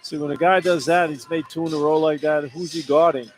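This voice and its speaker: Speaking from courtside over soft background music, a male radio color commentator breaks down basketball tactics in a casual, colloquial style. His voice is a little high, with a steady tone and a fairly quick pace. The live arena broadcast is clear, though arena ambience and noise are audible behind him.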